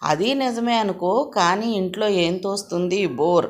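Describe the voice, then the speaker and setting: A woman's voice: mid-range voice, measured pace, lightly acted. A woman reading the part of a playful teenage girl who teases and bristles in a storybook. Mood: teasing. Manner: teasing, indignant.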